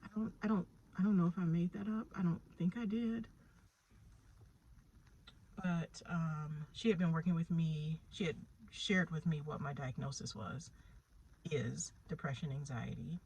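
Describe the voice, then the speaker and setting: A woman's voice: low-pitched, fairly even intonation, a little slow, a little mellow, a little hiss or hum, low-quality recording. A woman telling her own story in a candid, reflective way, with small laughs and frequent restarts. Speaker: vlogger sharing her therapy story. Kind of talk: personal storytelling.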